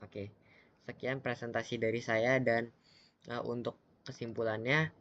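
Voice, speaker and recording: A man teaching Mandarin pronunciation in a slide lesson, talking slowly and patiently with many pauses, repeating syllables aloud for practice. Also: mid-range voice, level tone, fairly bright tone, lo-fi sound.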